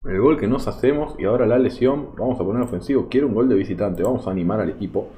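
Rioplatense male gamer, young, fed-up live commentary, low mellow voice. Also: quick pace, a little hiss or hum. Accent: Rioplatense Spanish. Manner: exasperated, lamenting and pleading with the game. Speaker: gaming YouTuber.

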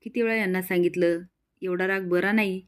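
A woman's voice: on the low side, fairly even intonation, fairly quick, clear, resonant tone, close to an everyday voice. A nosy meddling village woman, as a woman reads her. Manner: nosy, egging others on.

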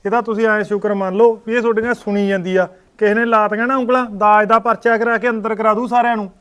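Man playing a grown son, high voice, fast, argues, defends his sister-in-law. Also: flat delivery, a bit bright. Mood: arguing. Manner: arguing, reasoning. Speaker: actor in a short film. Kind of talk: Punjabi village short-film drama.

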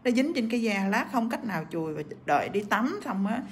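A woman's voice: fairly high pitch, big pitch swings, a little fast, slight background noise. A woman with a cough teaching nail art on a livestream, chatting as she works and reading out viewer comments. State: sick with a cough.

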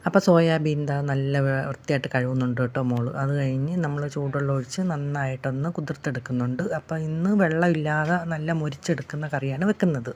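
A woman's voice: a bass voice, steady tone, fast, hardly any pauses, a little mellow, a little hiss or hum. Give me a middle-aged woman narrating a casual home vlog, chatty and explaining each step. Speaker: homemaker vlogger.

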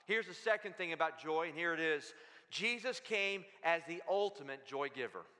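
High, bright-voiced preaching man in a hall. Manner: energetic, calls out to the congregation for responses. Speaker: pastor. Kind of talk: sermon. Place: church sanctuary. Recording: long hall reverb in a church.

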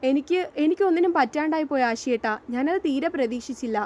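A woman's voice: sits high, lively intonation, fast talker, darkish tone, highs cut off. A woman reading as Shiva, a fragile hurt young wife. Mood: despairing.

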